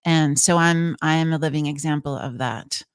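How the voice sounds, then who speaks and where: A woman's voice: low voice, moderate pace, smooth, dry recording, clean studio sound. A woman speaking as an interview guest, explaining things conversationally in earnest, emphatic short phrases. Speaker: guest, trance channeler.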